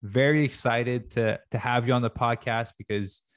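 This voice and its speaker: A male podcast host with an enthusiastic morning show delivery and a mid-pitched voice. He sounds upbeat and effusive as he addresses his audience and guest. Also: steady tone, normal speed, clean tone.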